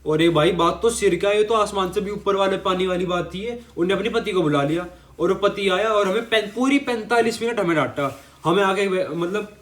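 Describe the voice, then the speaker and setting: A man's voice: sits high, fairly quick. A young man telling a rambling, exasperated comic story about tuition classes, full of self-pity. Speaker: student storyteller.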